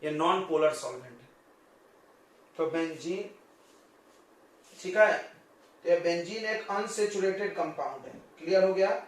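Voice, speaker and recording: A male coaching-class teacher giving a chatty chemistry lesson, joking with his students and firing quick questions at them. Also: high voice. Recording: very echoey classroom, distant mic.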